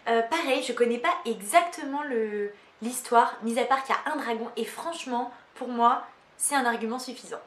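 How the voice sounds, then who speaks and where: A chatty woman book vlogger talks to camera in a fairly high voice, full of fillers and self-mocking asides. The sound carries a roomy echo. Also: normal speed. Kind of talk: casual chat to camera.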